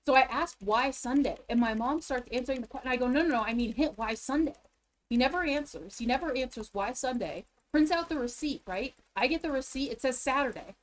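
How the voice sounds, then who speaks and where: A woman with a somewhat high voice vents her frustration in a casual story. She talks in an exasperated way and keeps repeating lines to stress her point. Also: a little fast, low-quality recording.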